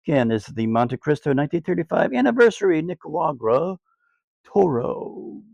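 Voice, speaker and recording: A man's voice: a little high, very animated, quick pace, creaky, a little mellow, no room sound. A man hosting a casual cigar review vlog outdoors, rambling in a laid-back way with fillers and crude jokes. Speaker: cigar reviewer, channel host. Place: outdoors on a sunny day.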